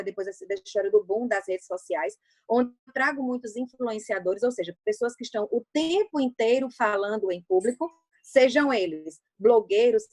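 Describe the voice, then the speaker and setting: A woman's voice: a little high, no room sound. A middle-aged woman from Brazil, a public speaking coach and guest, explaining her craft in a didactic way and asking and answering her own questions. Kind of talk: explanatory talk on a livecast.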